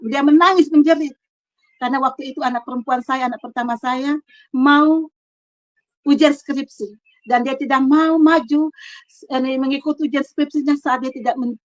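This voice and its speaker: A woman's voice: high voice, no room sound, poor audio. A middle-aged woman in her bedroom giving an emotional faith testimony, fervent and full of restarts and repetitions.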